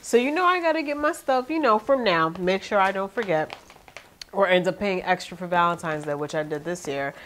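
Speaking briskly at medium pitch, a young woman sounding nasal and congested talks through her shopping haul in her living room. It's a casual haul video, and as a vlogger she stays chatty and animated, speaking straight to her viewers.

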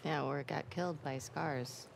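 A woman's voice: deep voice, measured pace, gravelly, slight background noise, exaggerated voice. A woman playing a tough, dry, skeptical young woman in video game dialogue. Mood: matter-of-fact. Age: young adult.

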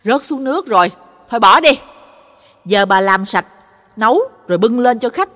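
A woman's voice: low voice, expressive, normal speed, a little mellow, pitched below the performer's own voice. Brief: woman playing a cranky male butcher, irritable, long room reverb. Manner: drawling, irritable. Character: gruff middle-aged male dog butcher, short-tempered.

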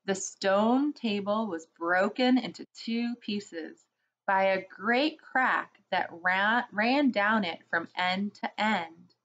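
A woman reading a children's book aloud for a church, gently and with asides to the children. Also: medium pitch, slow, lo-fi sound. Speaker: children's story reader for a church.

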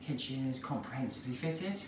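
An English estate agent narrates a walk-through of a detached house and its back garden, filmed on a handheld phone camera with faint background hiss. His medium-pitched voice is brisk, and his sales patter is relaxed, chatty and plain.

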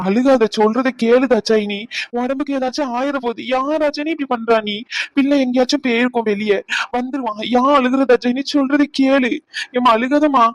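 A man's voice: high voice, steady tone, quick pace, fairly bright tone, no room sound, poor audio. A man voicing a teasing elder in a cartoon. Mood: soothing.

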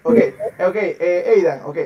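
Patient, slow high-voiced male teacher. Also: huge pitch swings, recorded from a distance, highs cut off, a little hiss or hum. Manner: patient, repeats words over and over for drilling. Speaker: English teacher. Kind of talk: online class. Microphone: video call.

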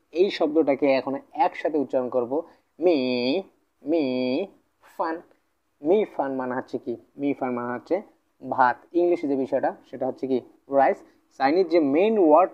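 A man's voice: medium pitch, a little fast. Man teaching words, repetitive, lo-fi sound. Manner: repetitive, checks in with "okay?". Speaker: language tutor. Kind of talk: casual lesson.

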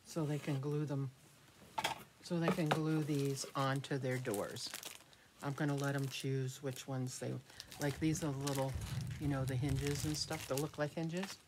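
An American woman in her fifties, a craft vlogger, chats casually through a show-and-tell in a small, cluttered indoor craft room, thinking aloud and letting sentences trail off. Her voice is bass-deep and level-toned, with a measured pace. Room noise comes through clearly, along with handling clicks.

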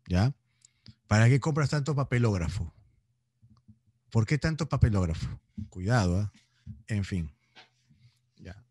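A man's voice: fairly low pitch, a little mellow, husky, no echo. A man with a Peruvian accent teaching a class, teasing and playfully scolding his students and laughing often. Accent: Peruvian Spanish. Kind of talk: joking online class lecture.

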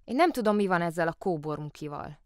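A woman's voice: fairly low pitch, expressive, no room sound, clean studio sound, close to an everyday voice. A woman voicing an earnest little girl who tries to sound stern, asking urgent, demanding questions. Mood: stern worried.

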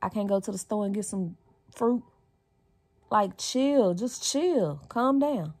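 A woman's voice: medium pitch, lively intonation, slow, darkish tone, slight background noise. A woman, vlogging from her car and venting to her viewers in a frustrated, direct way. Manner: frustrated, venting straight to camera. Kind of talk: casual vlog talk. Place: parked car, dark at first then daylight. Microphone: phone camera on the dashboard.

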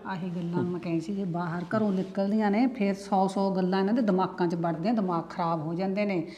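A woman playing a sharp-tongued village mother who pleads with her son and mutters spiteful remarks about her daughter-in-law. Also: fairly low pitch, fairly even intonation, quick pace, in a large hall, lo-fi sound, close to an everyday voice. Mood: pleading.

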